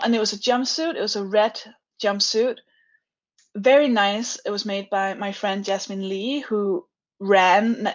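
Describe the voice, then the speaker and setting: A woman's voice: medium pitch, rough recording. A woman from Denmark with a Danish accent, a comedian talking candidly in an interview, laughing often and restarting her sentences. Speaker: comedian guest. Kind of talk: conversational interview.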